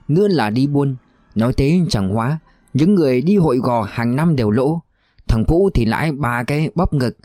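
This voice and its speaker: A man narrating a novel in a steady, even storytelling voice. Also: medium pitch, no echo.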